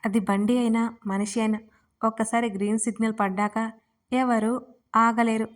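A woman's voice: fairly high pitch, level tone, normal speed, close to an everyday voice. A woman voicing a playful young man who teases his girlfriend, in a read-aloud romance story. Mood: teasing. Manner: teasing, laughing.

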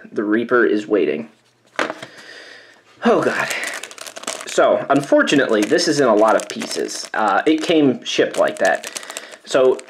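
A man doing a spicy chip challenge on his vlog, nervous and sighing as he reads the warnings aloud with wry asides. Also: mid-range voice. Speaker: YouTuber doing a food challenge. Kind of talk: casual vlog commentary.

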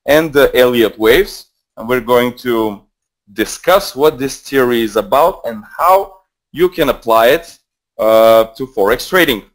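A mid-range male voice belongs to a Bulgarian trading mentor in his twenties who has a Bulgarian accent. Using a headset mic, he hosts a live trading webinar in a relaxed, rambling way, peppered with fillers and restarts.

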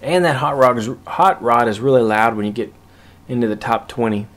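A man narrates recorded gameplay in a relaxed, casual way, his ordinary mid-range voice moving fairly quickly. He explains each move step by step, like a host walking his squad through a past match.

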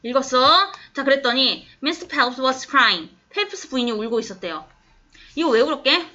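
A woman teacher's voice, high and bright, walks a class through an English passage. She coaxes the students and keeps checking whether they follow. The recording is dull and lo-fi, as if captured in the classroom. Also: lively intonation, normal speed. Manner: coaxing, keeps asking the class if they understand. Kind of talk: classroom lesson explaining an English text.

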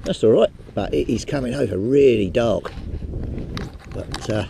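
A man with a gravelly, medium-pitched voice talks a little slowly as he metal detects on a beach, rambling chattily to his head-mounted action camera while digging. The audio is wind-buffeted, with wind and sea in the background.

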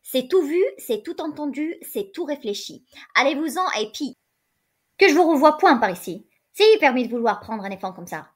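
A woman's voice: sits high, very animated, moderate pace. A woman voicing an angry peasant mother who bluntly refuses to give up her son, in a storybook reading. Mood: exasperated. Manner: indignant, blunt country speech.

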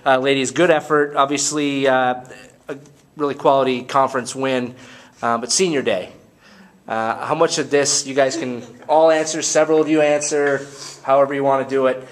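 A man's voice: mid-range voice, fairly even intonation, normal speed. A man interviewing players at a postgame press conference, rambling and restarting his questions.

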